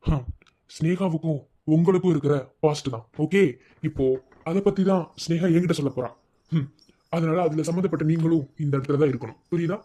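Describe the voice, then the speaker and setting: A man playing a male lecturer, steady, firm, slightly high voice, cartoon. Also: fairly quick, lightly acted. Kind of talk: cartoon voice acting.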